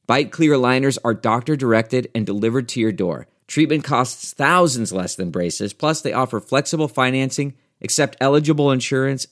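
A man announcer reading a scripted advertisement. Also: mid-range voice. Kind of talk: scripted ad read.

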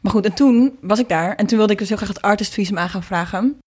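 A Dutch woman, a singer and producer, chats casually in an interview, explaining things informally and thinking aloud. Her mid-range voice is husky and slightly mellow, and she talks at a quick pace.

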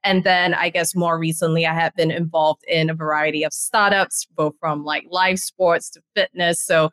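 A woman's voice: deep voice, level tone, normal speed, a bit bright, no echo. A woman from Singapore, a company founder, telling her story in a chatty way as a podcast guest. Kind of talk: interview answers.

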